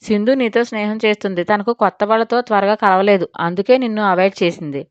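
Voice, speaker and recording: A woman's voice: mid-range voice, quick pace, dry recording, highs cut off, close to an everyday voice. A woman voicing a strict but doting middle-aged mother in an audio story. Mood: soothing. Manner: scolding, then soothing.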